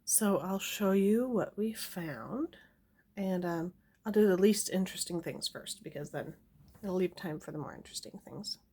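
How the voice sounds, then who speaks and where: A woman's voice: fairly low pitch, animated, normal speed, dark tone, breathy edge. A young woman chatting casually at home, showing an item to her camera with small laughs and plenty of fillers. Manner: chatty, giggly, many fillers. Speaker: homesteading vlogger. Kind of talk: casual show-and-tell. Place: home indoors.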